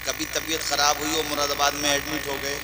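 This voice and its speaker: A man giving a sermon to a live gathering, rising into loud impassioned calls and prompting the audience to answer back. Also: on the high side, completely flat delivery, heavy background noise. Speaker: preacher.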